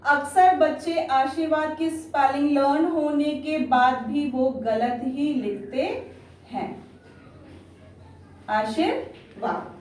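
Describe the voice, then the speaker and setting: A woman teaching a Hindi lesson to young children in an online class. She talks slowly and patiently, repeats each word, and keeps checking with "theek hai". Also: high-pitched, steady tone, a little mellow. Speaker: primary school Hindi teacher. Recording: echoey room, distant mic, faint noise.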